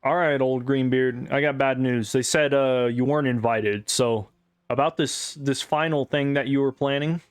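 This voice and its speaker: A man's voice: mid-range voice, steady tone, moderate pace, smooth, dry recording, clean studio sound, soft background music. A man giving casual, rambling gameplay commentary, sarcastic and full of swearing. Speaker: gamer.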